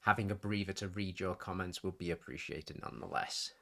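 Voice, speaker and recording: This YouTube hobby channel host has a deep, fairly bright voice with fairly even intonation and a brisk delivery. Streaming live, he rambles in a chatty way, sounding nasal and sniffly as he keeps cutting in to correct himself.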